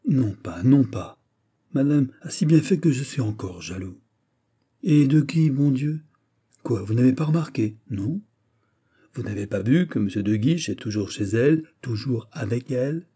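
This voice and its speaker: A man's voice: mid-range voice, lively intonation, warm tone, husky, pitched above the performer's own voice. A man reading aloud, voicing a jealous, petulant royal prince who turns bitter and angry. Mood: furious. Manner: bitter, quick to anger, whining.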